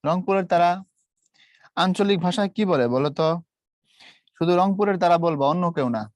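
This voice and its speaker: A man's voice: high voice, normal speed, no room sound. A man from Bangladesh teaching a live online class, quizzing students and imitating regional dialects. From Brahmanbaria, Bangladesh.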